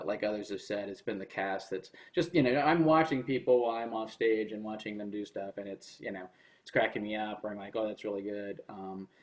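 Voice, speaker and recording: A male cast member on a video call, talking animatedly and acting out reactions in a casual panel. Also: fairly low pitch.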